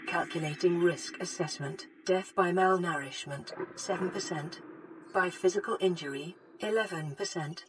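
A woman voicing a calm onboard computer, a gentle care robot that reads out health scans in a soft, even synthetic voice. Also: on the low side, moderate pace, background noise. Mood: calm warning. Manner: soft, even, reassuring status readouts. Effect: synthetic computer assistant voice. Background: game music.

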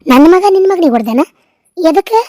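Brief: woman voicing a sharp-tongued defensive mother, very high voice, North Karnataka accent, dry mic. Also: expressive, brisk, no room sound. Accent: North Karnataka Kannada. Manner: snapping back, defensive. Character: defensive village mother covering for her son.

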